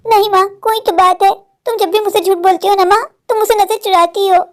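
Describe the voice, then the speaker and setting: A woman's voice: very high voice, fairly even intonation, brisk. A woman voicing a stubborn modern college girl in a cartoon, pleading and arguing with her mother. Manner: pleading, argumentative, repeats "maa". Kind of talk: Hindi cartoon voice acting.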